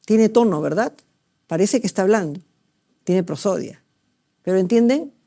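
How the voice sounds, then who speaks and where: A man's voice: high-pitched, expressive, moderate pace, mellow. A man giving a medical exam review lecture, explaining step by step and checking in with rhetorical questions. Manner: explanatory, asks rhetorical checks, acts out patients.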